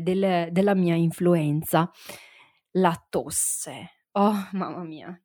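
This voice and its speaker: Slow, slightly hoarse woman teaching. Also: mid-range voice, a little mellow, dry recording, clean studio sound. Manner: slow and deliberate, repeats and conjugates words for learners. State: voice still slightly hoarse after flu. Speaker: language teacher and podcast host. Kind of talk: spoken language lesson.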